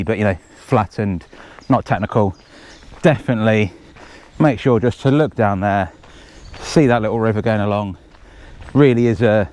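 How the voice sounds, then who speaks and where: Casually narrating while he runs a forest trail, a man who's organising a race chats out of breath and rambles, dropping in jokes along the way. His voice sits low with a darkish tone.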